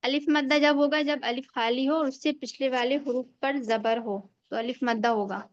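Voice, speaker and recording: Woman teacher, slightly high voice, dry and dull online-call sound, patient and repetitive. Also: steady tone, no room sound. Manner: patient, repeats each rule and checks understanding. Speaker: Quran reading teacher. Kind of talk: online class lesson.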